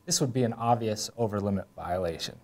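With music in the background, an American conservation officer in his thirties reads a scripted instructional talk in an indoor room by a whiteboard. He speaks a little fast in a lowish, gravelly voice with a darkish tone.

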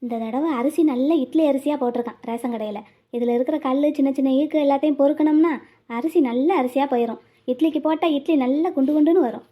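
A woman's voice: high voice, lo-fi sound. A woman voicing a chatty, homely older village grandmother in a cartoon, reminiscing about the old days. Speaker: cartoon character. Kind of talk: cartoon voice acting.

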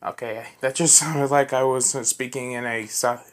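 A man's voice: mid-range voice, fairly even intonation, normal speed. A young man talking to himself at home between voice takes, muttering and critiquing his own reads. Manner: muttering, self-critical asides. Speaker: amateur voice actor. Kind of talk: casual self-talk between recorded takes. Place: home room.

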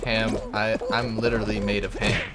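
A man's voice: on the low side, level tone, normal speed. A man co-hosting a casual gameplay video, joking and rambling with frequent laughter. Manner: jokey, rambling, laughs often. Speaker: gaming channel co-host. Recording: game music behind.

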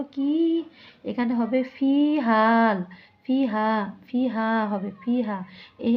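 Woman teacher, slightly high voice, asks and answers her own questions, dull lo-fi recording. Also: gravelly. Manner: asks questions and answers them herself, drawing out sounds. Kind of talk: classroom lesson explaining a textbook. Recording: muffled lo-fi recording.

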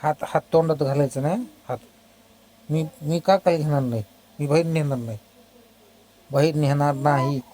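A man's voice: fairly high pitch, moderate pace, long pauses, dark tone, rough recording. A man minding a baby as its uncle, talking to it in casual baby talk, coaxing and mock-scolding with lots of repetition.

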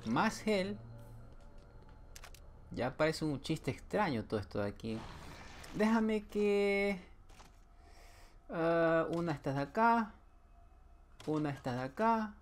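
A man commenting his way through a horror video game, joking, talking back to the game and letting out sudden yelps. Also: a little high. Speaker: gameplay streamer. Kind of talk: playthrough commentary.

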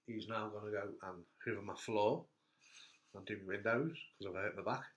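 A middle-aged man hosts a relaxed interview chat. He tells stories with lively, animated bursts, and his voice has a roomy echo. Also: fairly low pitch, normal speed, muffled recording. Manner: animated storyteller, voice jumps up when telling funny bits. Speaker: host. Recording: echoey room.

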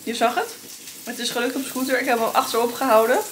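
A young woman with a Dutch accent, chatting casually to a handheld camera at arm's length in her apartment, thinking aloud in a relaxed way. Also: fairly high pitch, quick pace, slight background noise. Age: young adult. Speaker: vlogger. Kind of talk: casual vlog chat. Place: apartment living room, indoors.

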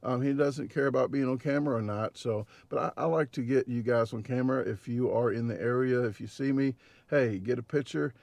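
Brisk and creaky, with a darkish tone and a dry recording, this medium-pitched male voice comes from a competitive eater and vlogger in his forties. Sitting in his parked car, the Midwestern American chats casually to his dash-mounted camera, rambling with fillers and restarts.

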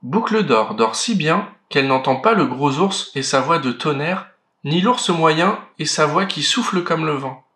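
Man narrating a children's storybook, slightly high voice, echoey room. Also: animated, unhurried, sharp tone. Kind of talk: storybook read-aloud for children. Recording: roomy echo.

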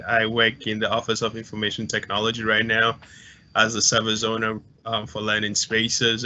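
A man introduces himself on a webcam panel, pausing often with fillers and restarts. His voice is low and bright and stays flat. The call audio is a bit muffled. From Ghana. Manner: halting, many restarts and fillers. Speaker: panelist, IT staff. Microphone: video call webcam.

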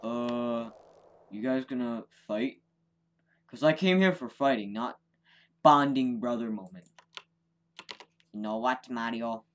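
A man's voice: mid-range voice, takes it slowly, long pauses, lightly acted. A man doing a blunt, bullying turtle monster king. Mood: belligerent. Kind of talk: amateur game-animation skit. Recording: noisy home recording with clicks.

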